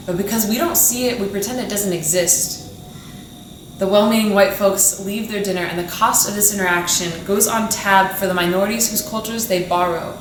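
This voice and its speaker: Young woman reading her poem, echoey room. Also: medium pitch. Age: young adult. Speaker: student poet. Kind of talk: poetry reading. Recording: echoey room, faint background noise.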